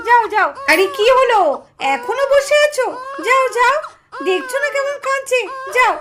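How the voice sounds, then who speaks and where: A woman's voice: extremely high pitch, background noise. A woman voicing an eager, helpful young sister-in-law in a Bengali puppet cartoon, pleading and pushy.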